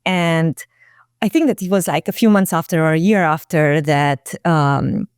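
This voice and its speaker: Low-voiced woman, reflective. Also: unhurried, smooth, dry recording, clean studio sound. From Romania. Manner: reflective, hesitant with frequent fillers and restarts. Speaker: guest, marketing executive. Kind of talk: casual interview.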